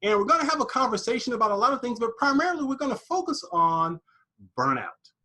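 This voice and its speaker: A man hosting a podcast interview, upbeat and animated as he introduces his guest. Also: extremely high pitch, fast talker. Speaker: podcast host.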